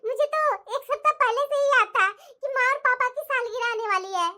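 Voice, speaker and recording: Talkative young cartoon bride. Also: female voice, very high voice, brisk, bright, forceful tone. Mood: cheerful. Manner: protesting, chatty. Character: young outspoken daughter-in-law, lively and talkative. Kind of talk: animated cartoon voice acting.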